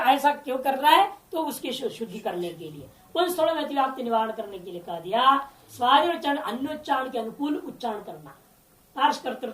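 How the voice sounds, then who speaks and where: A woman teaching a Sanskrit scripture commentary, reciting terms slowly and then explaining them with questions she answers herself. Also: on the high side. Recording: echoey, mic far off.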